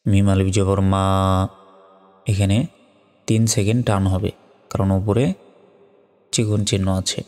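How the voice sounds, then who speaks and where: Slow, low-voiced man teaching Quran reading. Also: long reverb tail. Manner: slow, even spelling drills, with drawn-out recitation. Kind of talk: spelling out and reciting Quranic Arabic.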